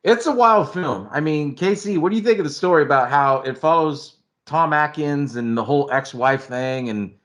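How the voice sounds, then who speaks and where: A man co-hosting a podcast, chatting excitably about a film, laughing often and humming tunes. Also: a little high, normal speed, hardly any pauses. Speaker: podcast co-host. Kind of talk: casual movie chat.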